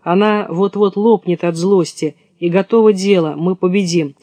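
Guy reading a kids' story aloud, high voice, dry close sound. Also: steady tone, normal speed, mellow, no echo. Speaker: narrator.

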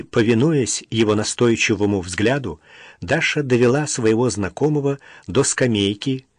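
Steady male audiobook narrator. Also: medium pitch, no room sound, clean studio sound.

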